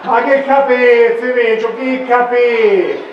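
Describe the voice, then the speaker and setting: A man's voice: very high-pitched, steady tone, slow, dull audio, slight background noise. An actor playing a simple-minded, eager married villager with a Sicilian accent, pleading and repeating his pet phrase in an amateur dialect stage comedy. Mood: nervous, confiding. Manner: repetitive verbal tic, pleading. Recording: very echoey hall from far off, audience.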